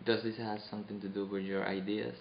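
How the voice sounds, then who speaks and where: Low-voiced male interviewer. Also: little pitch movement, fast, creaky, slight background noise. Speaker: interviewer host. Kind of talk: staged mock interview. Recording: roomy, slightly dull sound.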